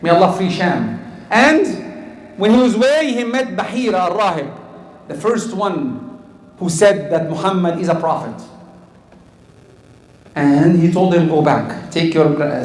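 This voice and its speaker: Man giving a sermon, high voice, lots of questions to the crowd, roomy echo. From Egypt. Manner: lively, questioning the audience, repeats words. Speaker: preacher.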